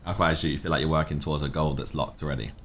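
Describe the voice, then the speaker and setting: A man's voice: very deep voice, steady tone, rapid-fire, fairly bright tone, slight background noise. A man role-playing a gang boss in a streamed game, talking bluntly and with authority. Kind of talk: improvised in-character role-play chat. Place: indoor streaming room.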